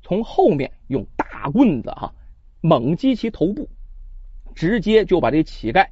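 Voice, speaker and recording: Male traditional storyteller, very lively pitch, chatty asides, dry and a bit dull recording. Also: unhurried, slightly rough, dry recording. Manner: animated, chatty asides to listeners.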